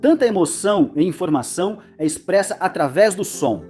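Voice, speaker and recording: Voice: medium pitch, lively intonation, moderate pace, warm tone, soft background music. A narrator reading a scripted educational explainer, with playful asides.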